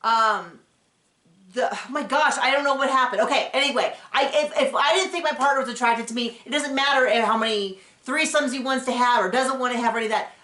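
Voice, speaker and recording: A woman's voice: fairly high pitch, brisk, bright, forceful tone. A woman hosting a show recap in casual, rambling chat, often acting out what others said. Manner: rambling and chatty, acting out quotes. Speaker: podcast host recapping a reality show. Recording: roomy echo.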